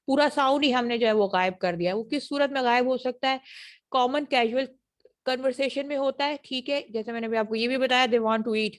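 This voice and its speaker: A woman with a Pakistani accent giving an online university phonetics lecture, explaining patiently and checking often whether students understand. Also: high voice. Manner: explanatory, repeats English phrases slowly then fast.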